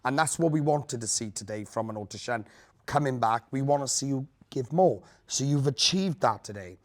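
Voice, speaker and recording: A man's voice: medium pitch, animated, normal speed. A man judging a talent show, speaking in a direct, encouraging way as he gives feedback and asks questions. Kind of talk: spoken audition feedback and questions.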